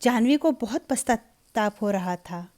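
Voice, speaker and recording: A woman narrating a Hindi story in an even, measured storybook reading. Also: fairly high pitch.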